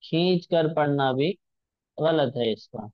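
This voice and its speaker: A man's voice: a little high, slow, no echo, lo-fi sound. A male teacher giving a patient recitation lesson, drawing out sounds to demonstrate them.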